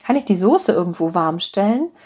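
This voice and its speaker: A woman reading the lines of a cheerful, bossy middle-aged mother who scolds her grown daughter, in a slightly husky voice. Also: medium pitch, big pitch swings, a little fast, a little mellow.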